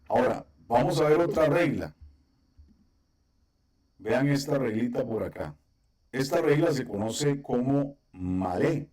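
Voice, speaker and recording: Low, mellow-voiced male teacher. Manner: patient, explains step by step with frequent "¿ok?" checks. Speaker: Biblical Hebrew teacher. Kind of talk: online class instruction. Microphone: video call.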